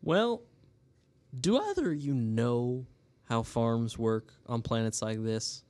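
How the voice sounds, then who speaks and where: A man's voice: medium pitch, sing-song, slow pace, a little mellow. A man voicing a bald old human farmer in his seventies, with a folksy country drawl and wry, sarcastic asides, during a tabletop game. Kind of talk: tabletop role-play voicing.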